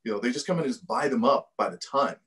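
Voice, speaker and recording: A man's voice: medium pitch, lively intonation, fairly bright tone. A man hosting a shopping livestream, upbeat and asking his guest questions over a video call. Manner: upbeat, prompting questions, quick. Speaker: livestream host. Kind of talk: casual interview chat.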